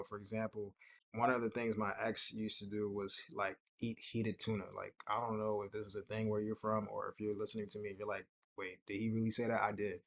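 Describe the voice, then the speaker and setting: A young man hosting a casual personal talk, relaxed and conversational, often laughing and acting out what others said. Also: lowish voice. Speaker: host.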